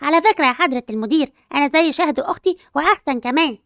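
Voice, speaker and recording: A high, spoiled schoolgirl with an Egyptian accent, sulking and plotting revenge at breakneck speed, voiced by a woman. Her whiny, defiant lines come dry and close to the mic. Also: lively intonation, racing, fairly bright tone, dry recording. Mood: spiteful. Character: spiteful spoiled schoolgirl, jealous and vengeful. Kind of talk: amateur role-play dub.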